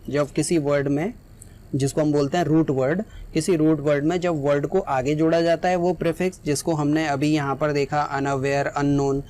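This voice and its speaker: A man's voice: on the high side, a little mellow. A man teaching an English lesson in Hindi, patiently repeating each example word. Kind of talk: explaining exam lesson.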